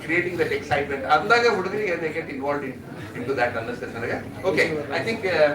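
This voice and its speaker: A man's voice: a little high, expressive, racing. A man with an Indian accent from Karnataka moderating a panel, giving informal, encouraging closing remarks and often repeating himself. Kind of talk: informal closing remarks, mixing English with Kannada. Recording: echoey hall, audience noise, distant mic.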